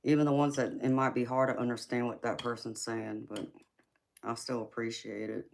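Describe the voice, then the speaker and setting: Her voice rumbles low, creaky and darkish with little pitch movement at normal speed, over a little hiss or hum. This Southern US tarot reader chats loosely with her livestream audience, laughing a lot, reading comments, greeting chatters by name and calling them "baby."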